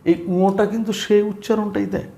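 A man teaching a spelling lesson, spelling out letters slowly, then asking questions and answering them himself. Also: high voice, level tone, gravelly, warm tone.

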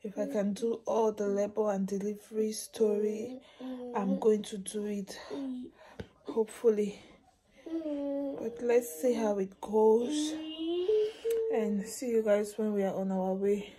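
A woman's voice: mid-range voice, steady tone, slow, crowd noise, low-quality recording. Chatty woman vlogger talking to viewers. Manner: chatty, addresses viewers directly. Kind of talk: casual vlog update to camera.

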